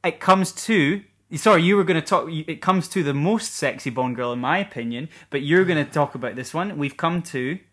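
A man co-hosting a casual film podcast, talking in an animated, rambling way. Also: on the high side. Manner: animated, rambling, quick to laugh. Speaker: podcast co-host. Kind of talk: casual film discussion chat.

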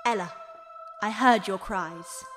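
A man voicing a kind, gentle female fairy godmother, speaking softly and measuredly. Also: sits high, in a large hall, soft background music. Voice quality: soft, measured and hushed.

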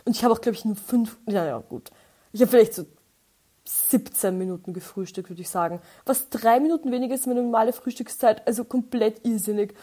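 A young Austrian woman hosting a podcast, her voice sitting a little high. She tells everyday stories casually, chatty and animated, and acts out the dialogue. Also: fairly quick, breathy edge. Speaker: podcast host. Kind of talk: casual storytelling.

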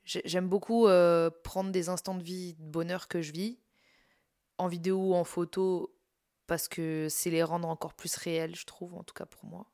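A young woman talks candidly into her own podcast, her voice a touch low and worn with tiredness. She jokes at her own expense, stumbles over restarts and fillers, and keeps the tone casual. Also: steady tone, normal speed, warm tone. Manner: candid, self-mocking, laughs through serious points, many fillers and restarts. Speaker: podcast host and content creator. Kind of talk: casual personal podcast monologue.

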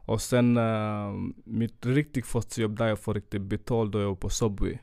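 A man's voice: fairly low pitch, creaky, dry recording, studio quality. A man from Gambia speaking Swedish as a second language, telling stories in a casual podcast chat and mixing in English phrases. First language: not Swedish. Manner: animated storytelling, mixes in English phrases.

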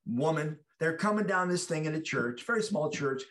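A guest on a casual chat, this middle-aged American actor reminisces about his career with restarts and rambling, performing the quotes in his anecdotes. His voice is a little high and a bit bright, animated, at a moderate pace.

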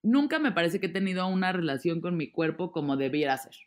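A woman's voice: fairly low pitch, fast. A woman, a guest talking casually and animatedly in an interview. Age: 30s. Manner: chatty, animated, trailing off and restarting. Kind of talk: casual conversation.

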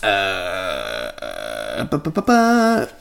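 A man's voice: deep voice, huge pitch swings, drawn-out words, gravelly, fairly bright tone. Rambling jokey man. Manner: rambling, jokey, drifts into mock voices. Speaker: podcast co-host. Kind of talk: casual comedic chat, reading listener letters.

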